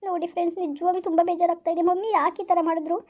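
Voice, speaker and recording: A woman's voice: extremely high pitch, little pitch movement, fast, lo-fi sound. A young woman in a scripted family drama, pleading and hurt, repeatedly begging her husband to understand her. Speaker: wife in a family skit.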